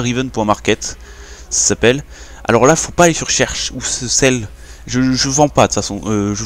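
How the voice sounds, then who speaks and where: A young man casually talking through a game tutorial, hesitating and restarting often. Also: on the low side. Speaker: gaming YouTuber.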